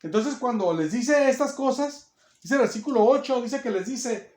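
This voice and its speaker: High-pitched guy preaching in a church, emphatic, lots of restarts, roomy echo. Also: expressive, moderate pace. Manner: emphatic, acts out quotes, many restarts. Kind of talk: sermon Bible teaching. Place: church hall.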